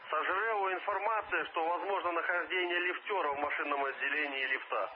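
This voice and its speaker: A firefighter man reporting over a two-way radio, terse and formal, his fairly high voice coming through a muffled band. Faint hiss hangs under every transmission. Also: a little fast. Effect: heard over a two-way radio. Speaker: firefighter crew leader. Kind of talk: procedural radio reports with call signs.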